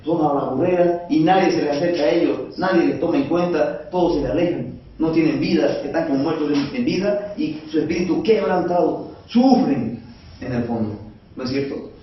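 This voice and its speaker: A man's voice: on the high side, normal speed, a little hiss or hum. Echoey male preacher. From Bolivia. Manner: conversational, asks the congregation rhetorical questions. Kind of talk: sermon. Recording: echoey, dull sound from far off.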